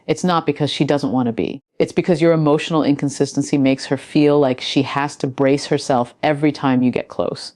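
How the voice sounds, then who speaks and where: Very low-voiced woman giving a motivational speech. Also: fairly even intonation, brisk, few pauses, a little mellow, dry recording, studio quality. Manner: earnest, intimate tone addressed to men. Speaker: motivational speaker.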